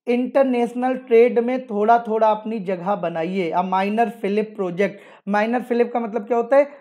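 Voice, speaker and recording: A man's voice: high-pitched, a little mellow. A man teaching English vocabulary, explaining words through memory tricks and repeatedly asking and answering his own questions. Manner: repetitive, drilling phrases over and over. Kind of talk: explaining newspaper vocabulary with mnemonics.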